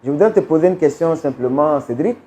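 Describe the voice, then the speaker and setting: Mellow-voiced pastor asking questions. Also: male voice, a little high, lively intonation, fairly quick. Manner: questioning, hesitant with fillers. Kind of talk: counseling on a talk show.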